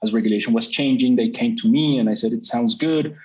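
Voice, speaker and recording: Middle-aged executive from Colombia, rambling interview answers heavy on fillers, mid-pitched, dull-sounding recording. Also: male voice, fairly quick, darkish tone. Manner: talkative, full of "you know" fillers and restarts. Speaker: company CEO. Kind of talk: business interview. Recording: slightly muffled sound.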